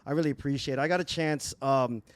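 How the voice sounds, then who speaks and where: A man's voice: medium pitch, fast, dry recording. A man hosting a casual livestream interview as a DJ, hyped and full of praise. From United States. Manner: hyped, repeats praise like "very dope". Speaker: livestream DJ host.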